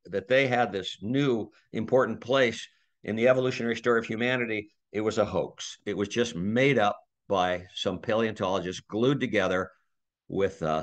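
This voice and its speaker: A man giving a conversational slide lecture, thinking aloud with restarts and small laughs. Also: on the low side. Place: community talk room.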